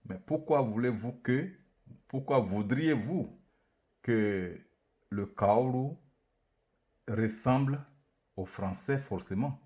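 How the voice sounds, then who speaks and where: A man giving a lecture on a new alphabet, speaking slowly and deliberately and repeating syllables to demonstrate their sounds and tones. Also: mid-range voice, darkish tone. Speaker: language teacher presenting an alphabet. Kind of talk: lecture with slow syllable-by-syllable reading drills.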